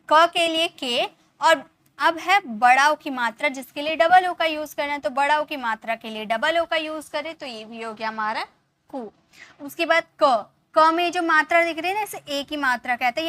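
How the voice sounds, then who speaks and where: A woman's voice: high voice, moderate pace, pushed and bright, dry recording. A woman teaching an English spelling lesson, explaining patiently, repeating herself and asking many rhetorical questions. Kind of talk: classroom lesson.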